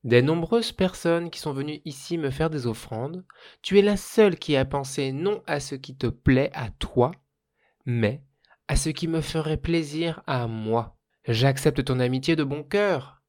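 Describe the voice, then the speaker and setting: A man's voice: a little high, a little slow, darkish tone, lightly acted. A man voicing a grumpy childlike little fire spirit. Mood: gracious. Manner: grumbling, then bursting with childish delight.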